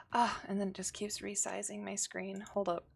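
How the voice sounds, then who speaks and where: A woman's voice: medium pitch, monotone, normal speed, gravelly, breathy edge. A woman streaming a horror game live, jumpy and profane, exclaiming and gasping often. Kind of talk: live gaming stream commentary.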